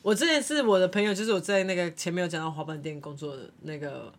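A young woman, co-hosting a casual chat and telling animated stories with lots of laughter. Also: fairly low pitch, quick pace. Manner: animated anecdotes with frequent laughter. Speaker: podcast co-host.

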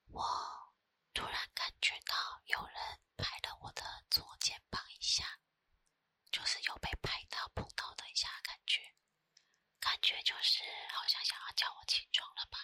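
A woman with a Taiwanese Mandarin accent tells personal stories in a soft, breathy ASMR whisper close to the microphone, unhurried and with pauses. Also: no room sound. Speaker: ASMR creator. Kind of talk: whispered ASMR storytelling, chatty.

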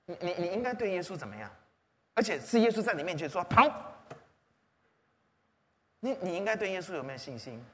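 A man's voice: high-pitched, fairly quick, pauses often. A man preaching a sermon as pastor, often asking the congregation questions. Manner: animated, rhetorical questions to the congregation. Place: church hall. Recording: long hall reverb.

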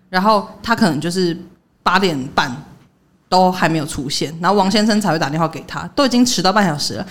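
A woman chats on a podcast, telling stories at a rapid clip. Her voice sits slightly low. She acts out the lines of the people in her stories. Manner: animated storytelling, laughing, acting out quoted lines. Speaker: podcast co-host. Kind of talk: casual chat, storytelling.

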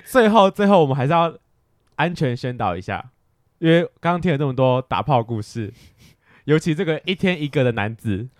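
A man talking quickly, his voice bouncing widely up and down and sitting a touch high. He chats on a podcast in a jokey, lively way and swears casually. The recording is dry and close. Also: no room sound. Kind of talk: casual podcast chat, storytelling.

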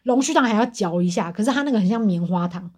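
A woman's voice: mid-range voice, expressive, fast, a little mellow. A woman with a Taiwanese Mandarin accent, chatting casually as a podcast co-host and telling anecdotes.

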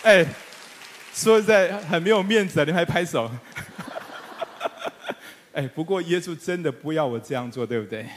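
Middle-aged man, pastor, sermon, high voice, fervent and emphatic, humorous asides, long church hall reverb. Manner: animated, rising to fervent emphatic calls. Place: church sanctuary with congregation.

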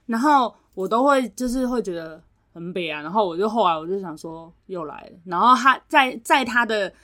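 A woman's voice: mid-range voice, moderate pace. A young woman, co-hosting a podcast and telling a work story in casual chat, acting out what others said. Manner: animated retelling, acts out quoted voices. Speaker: podcast co-host.

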